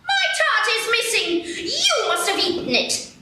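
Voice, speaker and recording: A woman's voice: extremely high pitch, sing-song, unhurried, a little hiss or hum, heavily acted. A woman playing a hot-tempered, imperious queen in a live radio play, barking orders. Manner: commanding, shouting orders. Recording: echoey live stage from far off.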